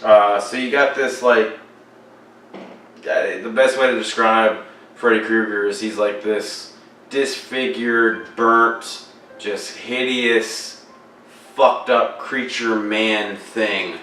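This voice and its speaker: A man's voice: lowish voice, steady tone, slow, bright, forceful tone, a little hiss or hum. A young man co-hosting a podcast, talking casually about horror films with lots of fillers and swearing. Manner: rambling, swears a lot, many fillers. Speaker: podcast co-host. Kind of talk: casual chat. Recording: echoey room, far from mic, faint music.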